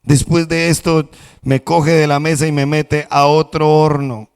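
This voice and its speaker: A man's voice: a little high, little pitch movement, unhurried, smooth, voice pushed up. A man preaching a sermon who voices a female clay cup that begs its maker to stop hurting it. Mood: complaining. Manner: pleading, complaining, breathless begging. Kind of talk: sermon storytelling. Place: church.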